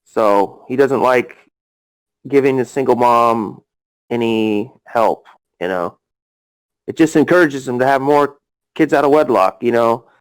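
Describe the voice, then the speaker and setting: A man's voice: mid-range voice, unhurried, long pauses, clear, resonant tone, poor audio. A man hosting a casual voice chat, rambling with lots of fillers and talking over the others. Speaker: voice chat host.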